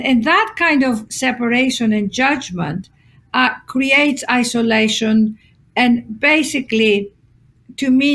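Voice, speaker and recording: A woman from Greece, a guest author telling stories in a conversational podcast interview and acting out the people she quotes. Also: fairly high pitch. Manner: expressive storyteller acting out quotes, many fillers.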